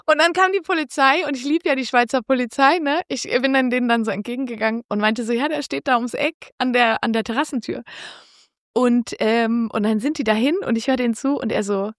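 A woman telling a story in casual chat, animated and a little crude, quoting herself in a raised voice. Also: fairly high pitch, brisk, dry recording, clean studio sound. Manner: lively, casual, swears, quotes herself with raised voice. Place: Switzerland.

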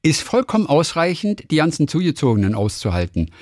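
A grumbling woman speaks in thick Berlin dialect, blunt and chummy in her slang, as a man puts her on. The voice sits a little higher than a man's usual talk and scolds with a grin. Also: sing-song, brisk, darkish tone, no room sound, clean studio sound. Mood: scolding. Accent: Berlin dialect, put on. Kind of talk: reading a listener's letter aloud.

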